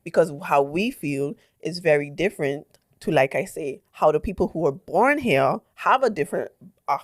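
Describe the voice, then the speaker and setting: Young woman, casual co-host, lowish voice, dry close sound. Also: normal speed, dry recording. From Dutch Caribbean islands. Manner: chatty, animated, slangy. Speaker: podcast co-host. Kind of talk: casual podcast chat.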